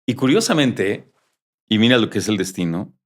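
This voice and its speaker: A man's voice: on the low side, normal speed. A man, a journalist guest in a casual interview, telling a story with animation and acting out the dialogue. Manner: animated, acts out quoted dialogue.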